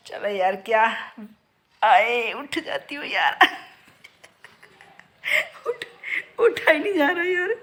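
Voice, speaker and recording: A woman's voice: fairly high pitch, a little hiss or hum, low-quality recording. A middle-aged woman chatting playfully to her viewers in a casual home vlog. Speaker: vlogger.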